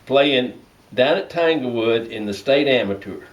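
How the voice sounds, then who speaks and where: A man's voice: mid-range voice, lively intonation, unhurried. An older man with an Appalachian Southern accent, reminiscing casually in folksy, colloquial speech. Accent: Appalachian Southern American. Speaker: storyteller sharing family memories. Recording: distant mic with clear background noise.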